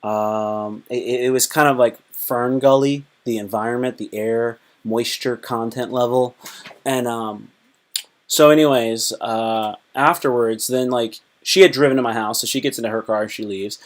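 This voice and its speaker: A man's voice: medium pitch, fairly even intonation, normal speed. Rambling young man telling crude stories. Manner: rambling, full of fillers and restarts; crude, joking. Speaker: live streamer and stand-up comedian. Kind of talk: casual live-stream storytelling.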